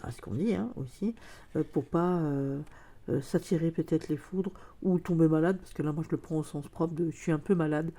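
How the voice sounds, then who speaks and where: In a casual vlog chat, a woman with a cold sounds stuffed up and hesitant, leaning on many fillers. Her voice sits low with a dark tone at a normal speed.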